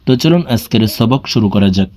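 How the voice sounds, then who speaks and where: A man teaching Quran reading, spelling out each word syllable by syllable and drawing the sounds out in a slow drill. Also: fairly low pitch, animated, darkish tone. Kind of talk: spelling-out recitation lesson.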